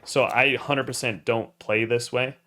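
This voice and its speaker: A young man casually reviewing gameplay clips as a coach, talking in a relaxed, blunt way with loose fillers and the odd swear word. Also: mid-range voice, a little slow. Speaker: gameplay coach and channel host.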